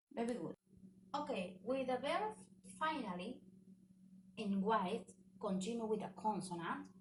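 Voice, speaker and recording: Slow-speaking woman teacher, echoey room. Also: fairly high pitch, slight background noise. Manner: slow, drawn-out, repeats words for students. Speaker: English teacher. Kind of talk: online grammar class. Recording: echoey room with faint ambience.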